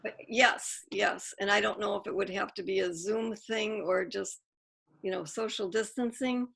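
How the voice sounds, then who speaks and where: Woman, author, video call, chatty, gravelly voice. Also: medium pitch, fairly even intonation, moderate pace. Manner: chatty, warm, self-interrupting. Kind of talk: casual Zoom Q&A.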